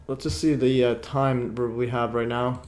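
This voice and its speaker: A man hosting a livestream, born in Iraq, sounding a bit tired. His voice sits at an ordinary mid pitch. He rambles through his points with fillers and false starts. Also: little pitch movement, normal speed, darkish tone, faint music behind. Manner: rambling, many fillers and restarts. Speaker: livestream host. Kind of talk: casual livestream chat.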